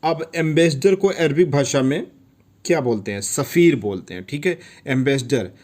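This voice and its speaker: A man's voice: fairly high pitch, expressive, moderate pace, a little mellow. A man teaching Arabic vocabulary in Hindi, patiently explaining each word and repeating it with frequent check-ins. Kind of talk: vocabulary lesson.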